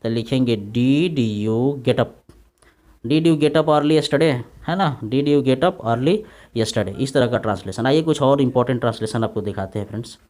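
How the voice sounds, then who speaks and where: A man teaching English translation to exam students in Hindi, dictating sentences slowly and often asking "right, friends?". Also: medium pitch, darkish tone. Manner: repeats tag questions to students. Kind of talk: Hindi-English grammar lesson.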